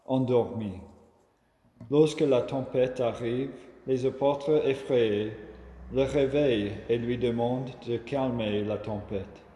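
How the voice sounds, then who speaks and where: Aussie guy giving a slow calm homily, echoey room. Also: mid-range voice. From Australia. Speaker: preacher. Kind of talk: reflective gospel homily. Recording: echoey room with long reverb.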